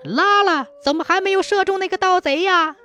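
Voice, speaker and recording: A storyteller voicing a smug, excitable old rich landlord from a folk tale, who stammers when he shouts. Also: mid-range voice, normal speed, soft background music, close to an everyday voice. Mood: frantic.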